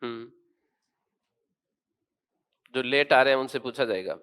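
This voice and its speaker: A man's voice: mid-range voice, unhurried, fairly bright tone, clean tone. A male teacher giving a geography lesson in a classroom, quizzing students and then explaining points firmly.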